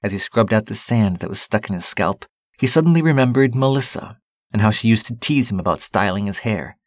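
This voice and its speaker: A man narrating a story in a steady, calm reading voice. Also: fairly low pitch, brisk, no echo, clean studio sound.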